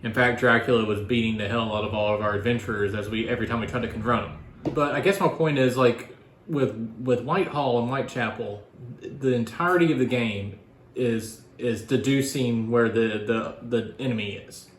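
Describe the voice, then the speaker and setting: A man's voice: mid-range voice, normal speed, a little hiss or hum. A man chatting informally as a guest board game reviewer, explaining his opinions in a rambling, casual way. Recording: echoey room.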